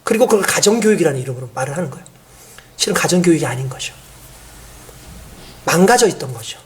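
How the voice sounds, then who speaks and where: A man's voice: fairly high pitch, fast talker, a little hiss or hum. A male pastor preaching a sermon who often puts questions to the congregation. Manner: animated, asks the congregation questions.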